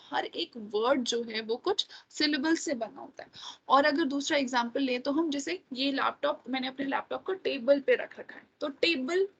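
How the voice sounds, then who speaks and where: A woman's voice: high voice, highs cut off. A woman teacher, explaining exam material step by step and often checking in with "right?". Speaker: English teacher. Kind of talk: exam-prep lecture in Hindi and English.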